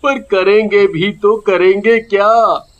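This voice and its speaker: Cartoon farmer: worried, high, slow, muffled lo-fi sound. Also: male voice, steady tone. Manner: anxious, complaining. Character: worried poor farmer husband. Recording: dull lo-fi sound.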